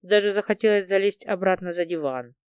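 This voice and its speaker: A woman narrating a first-person crime novel in an even storytelling voice. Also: mid-range voice, a little fast, clear, resonant tone, no echo, studio quality. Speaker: audiobook narrator.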